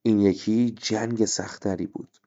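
A male storyteller reading a children's story aloud in a measured way. His voice is low and mellow, and the recording sounds dull and muffled. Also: fairly even intonation. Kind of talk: scripted children's story narration.

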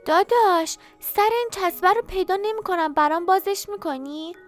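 A woman reading a storybook, voicing a curious, chatty little sister in a high childlike voice. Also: soft background music. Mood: eager. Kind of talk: audiobook character voice.

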